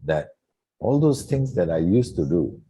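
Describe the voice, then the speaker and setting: A man in his sixties from Singapore, a retired coach reflecting in an interview with many soft fillers. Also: low voice, big pitch swings, measured pace, breathy edge. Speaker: guest coach. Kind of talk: relaxed interview conversation.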